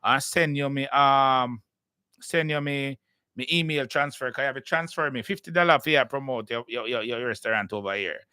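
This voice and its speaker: Lively bright Jamaican man hosting. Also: medium pitch, moderate pace, clear, resonant tone, no echo, studio quality. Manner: animated, repeats words while restarting. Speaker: live podcast host. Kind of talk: casual live-stream chat.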